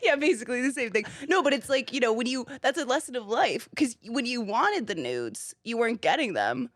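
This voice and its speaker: A woman's voice: fairly high pitch, sing-song, fairly quick, fairly bright tone, no room sound, studio quality. A young woman hosting a podcast in casual chat, teasing and laughing often. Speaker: podcast host.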